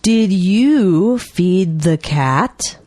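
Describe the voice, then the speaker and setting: Slow, lively-voiced woman reading dialogues. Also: lowish voice, no echo, studio quality. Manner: clear, deliberate enunciation. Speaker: dialogue reader for English learners.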